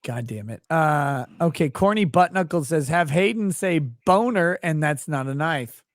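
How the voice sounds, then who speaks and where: Guy hosting a stream reading chat, crude jokes, kinda high voice, dry close sound. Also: expressive, a little slow, no echo. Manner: crude, joking, reads chat messages aloud. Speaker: livestream host reading chat. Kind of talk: casual livestream chat.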